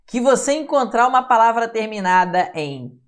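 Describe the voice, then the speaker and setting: A man with a Brazilian accent teaches a lesson to his class, his voice rising and falling all the time. He breaks words into syllables and says each one out loud. He keeps asking his students short questions to check that they are following. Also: very high-pitched, sing-song, moderate pace. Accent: Brazilian Portuguese. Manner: sounds out syllables to demonstrate. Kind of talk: classroom lecture.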